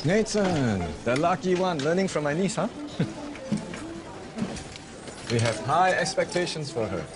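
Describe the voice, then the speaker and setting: A man's voice: on the high side, expressive, measured pace. An actor playing a polite, formal maths teacher who welcomes his visitors courteously. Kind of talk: film dialogue. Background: film score.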